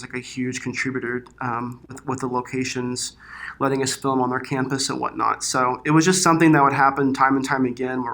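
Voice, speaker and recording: A man's voice: mid-range voice, gravelly, fairly bright tone. A man giving casual interview answers as a filmmaker guest, in informal, loosely phrased speech. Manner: informal, hesitant phrasing with frequent "like" and "you know".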